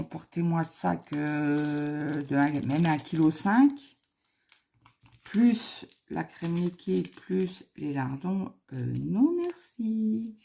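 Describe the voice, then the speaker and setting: Middle-aged woman doing crafts at home, rambling chatty storyteller, kinda low and gravelly. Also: dark tone, slight background noise. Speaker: craft vlogger. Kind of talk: casual chat while crafting.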